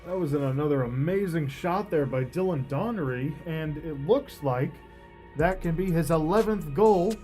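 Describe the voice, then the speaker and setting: Male sports color analyst, conversational, somewhat high-pitched, music behind. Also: moderate pace, a little mellow. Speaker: color commentator. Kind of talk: live sports color commentary.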